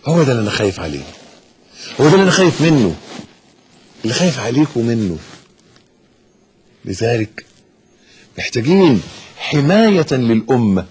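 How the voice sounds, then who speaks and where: A man with an Egyptian accent preaching an impassioned sermon, swinging from hushed to loud. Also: medium pitch, very animated, a little fast, pauses often, breathy edge. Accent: Egyptian Arabic.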